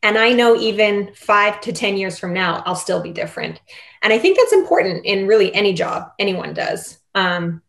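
A woman's voice: mid-range voice, animated, normal speed, gravelly, fairly bright tone. A woman teacher talking about her seven years of teaching in an earnest, reflective way, with light laughs. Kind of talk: casual interview chat.

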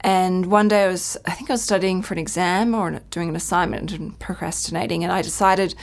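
A woman with a slightly low voice, speaking as a guest in a relaxed podcast interview. She tells her story in a chatty way and slips into quoted voices along the way. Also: a little fast, gravelly.

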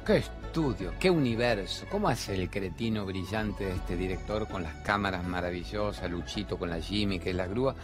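A man with an Argentine accent giving an impassioned spiritual monologue as a TV host, full of rhetorical questions and repeated phrases. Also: on the low side. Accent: Argentine Spanish. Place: large TV studio.

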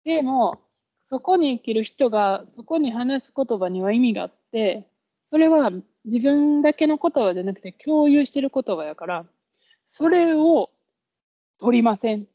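Laughing frequently, this podcast co-host with a Kansai accent keeps the chat casual and illustrates her explanations with examples. Her fairly high voice has lively intonation at a normal speed, and the dull lo-fi podcast audio is dry.

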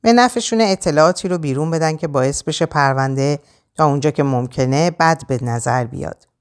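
A woman's voice: sits low, lightly acted. A woman narrator voicing an anxious, weary heroine who answers tensely and curtly. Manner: tense, curt.

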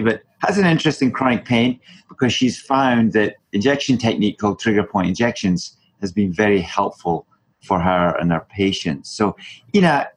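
A middle-aged man hosting a medical podcast, asking questions in a relaxed, friendly way with fillers. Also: on the low side. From Canada. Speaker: podcast host, family physician. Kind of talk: casual interview.

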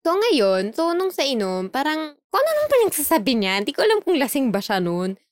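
A young woman telling a story in casual chat, animated, laughing often and acting out the dialogue she quotes. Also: high-pitched, fairly quick, dry recording, clean studio sound.

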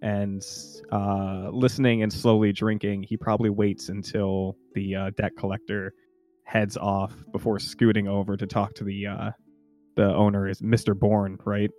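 A man's voice: fairly low pitch, flat delivery, normal speed, darkish tone, faint music behind. A man playing a tabletop game, talking casually and rambling with many "like"s. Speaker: player.

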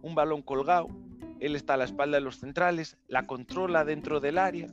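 A man telling a story on a podcast, high-pitched and animated, full of slang and little mouth sound effects. The recording is dull and lo-fi. Faint music plays underneath. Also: a little fast. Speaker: podcast host. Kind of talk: casual storytelling.

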